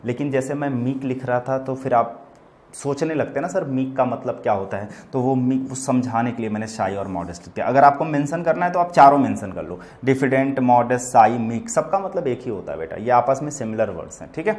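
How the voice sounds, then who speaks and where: A man's voice: mid-range voice, expressive, fairly quick, darkish tone. A man in a medium voice gives a vocabulary lesson. He talks in a chatty, repetitive way and keeps turning to his students with affectionate asides. He sounds like a teacher at a board. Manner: chatty and repetitive, addresses students as "beta" and "bachche". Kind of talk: explaining English words in Hindi to students.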